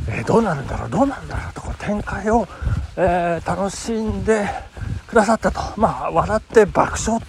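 A man hosting a casual solo podcast, telling a story in a polite, chatty way with many fillers. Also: high voice. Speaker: podcast host and amateur rakugo performer. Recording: noisy background.

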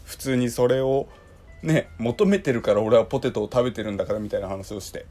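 A young man with a hoarse, dry throat and a Kansai accent, telling a story in a chatty solo podcast full of fillers. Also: mid-range voice, brisk, dark tone, soft background music. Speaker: podcast host. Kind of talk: casual solo talk.

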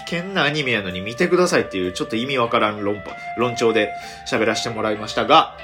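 A man with a Kansai accent, a comedian hosting a casual solo podcast, telling stories in an excitable, self-mocking way. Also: lowish voice, fast talker, over music.

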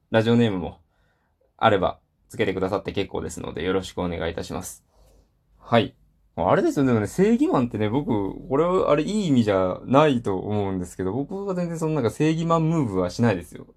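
A man's voice: medium pitch, very animated, fast talker, a little mellow. A man hosting a casual solo talk show, rambling with many fillers and self-deprecating asides. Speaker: solo podcast host.

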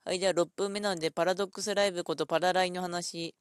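Rambling low-voiced woman, dry close sound. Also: fairly even intonation, clear, resonant tone, no room sound. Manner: halting, full of fillers, thinking aloud. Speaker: solo podcast host. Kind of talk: rambling casual monologue. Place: at home at her computer.

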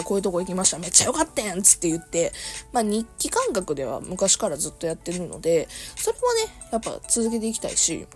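Chatty Kansai woman, lively pitch. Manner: chatty, laughs often, frequent self-corrections. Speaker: podcast host. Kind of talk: casual solo radio chat.

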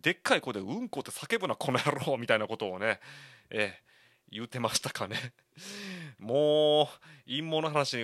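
A man's voice: medium pitch, a bit bright, no echo, clean studio sound. A man in his thirties with a Kansai accent, hosting a solo talk show as a candid, rambling storyteller. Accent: Kansai Japanese. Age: 30s. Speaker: podcast host.

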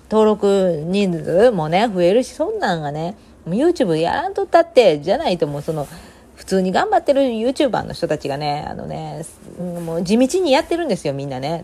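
Low-voiced chatty Kansai woman. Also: mellow. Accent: Kansai Japanese. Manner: chatty, rambling, opinionated with frequent fillers. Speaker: host of a talk segment. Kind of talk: casual solo monologue.

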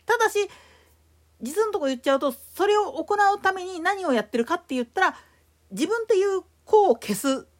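A woman with a Kansai accent giving a solo explanatory talk as a podcast host, emphatic in her delivery. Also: normal speed. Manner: explanatory, emphatic, lively pitch swings.

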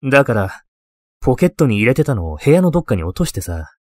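Man reading as an eccentric deadpan occult mentor. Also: medium pitch, fast talker, no room sound, studio quality. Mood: wistful, matter-of-fact. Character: eccentric, obsessive male occult-loving mentor, deadpan and wistful. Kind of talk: ghost story reading.

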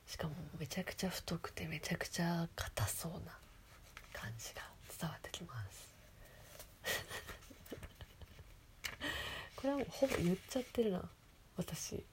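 A woman who whispers softly as she reads passages aloud and comments on them, giggling often. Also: lowish voice, sing-song, a little slow, pauses often. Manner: soft whispering, frequent giggles. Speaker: host of a reading segment.

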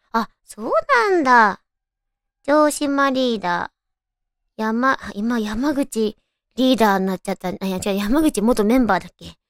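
A woman with a high, cute anime-girl voice, hosting a casual solo radio chat and musing aloud to listeners. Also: no room sound, studio quality. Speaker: radio show host.

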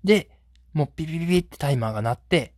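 Man, solo podcast host, quick casual storyteller, self-mocking, dry close mic. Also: on the high side, animated, a little mellow, no echo. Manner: rambling and self-deprecating, with frequent "ne" tags.

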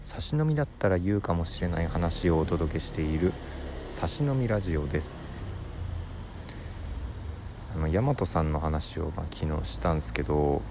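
This man is a comedian on his own radio program, telling a wandering story as a laid-back monologue that shifts between fast chatter and elongated words. His pitch is extremely low, his intonation lively, and the background is noisy.

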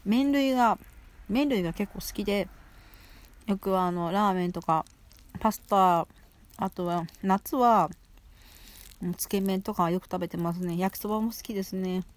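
A woman running a solo audio show chats casually and at length while eating, often speaking through a full mouth and circling back to the same phrases. Her voice is medium-pitched, her pace moderate, and she leaves long pauses.

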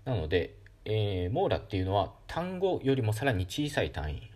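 Brief: low-pitched male host, calm lecture talk with lively pitch swings, lots of fillers. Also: moderate pace. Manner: calm, explanatory, with frequent fillers. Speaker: podcast host. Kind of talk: solo educational talk.

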